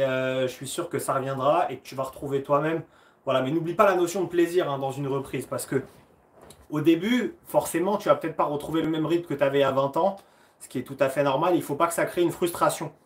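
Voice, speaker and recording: A man's voice: a little high, a little fast. A man hosting a casual live Q&A stream as a karate coach, chatting in a friendly way and greeting viewers by name. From France. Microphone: phone.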